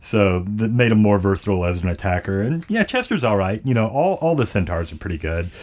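A man's voice: lowish voice, very animated, a little fast, darkish tone. Man with slightly impeded speech after dental work. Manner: casual, profane. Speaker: podcast host. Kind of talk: casual chat about a video game.

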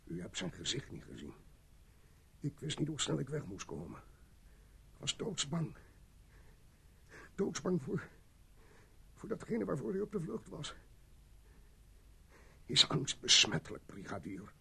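An actor dubbing a frightened suspect who talks haltingly and stammers. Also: male voice, on the high side, huge pitch swings, vocal fry, bright, forceful tone, husky, full character voice. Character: shaken man hiding a fatal accident. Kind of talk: dubbed film acting.

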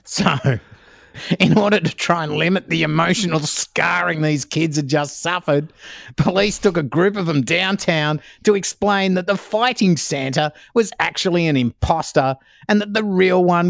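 A man's voice: fairly high pitch, moderate pace, creaky, fairly bright tone, no echo. A man podcast co-host, reading comic stories in a dry, teasing way. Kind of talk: comedic story reading.

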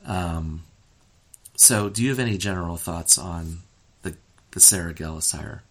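A man's voice: low-pitched, measured pace, a bit bright. A man hosting a casual sports podcast, opinionated and rambling, with many fillers and restarts. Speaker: podcast host.

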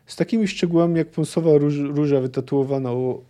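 Brief: earnest lovesick young knight confessing, voiced plainly by a male podcaster, soft warm tone. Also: a little high, steady tone, brisk, lightly acted.

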